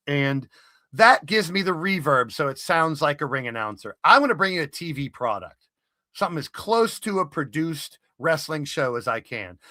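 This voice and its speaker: A man's voice: fairly high pitch, pushed and bright, no echo, clean studio sound. A man hosting a live stream, talking casually and explaining things step by step with many fillers. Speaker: stream host.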